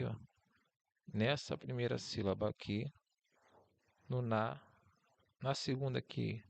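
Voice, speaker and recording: A man's voice: medium pitch, gravelly, dry recording. A Brazilian man with a Brazilian Portuguese accent giving a casual, encouraging online lesson as a teacher, talking through slides.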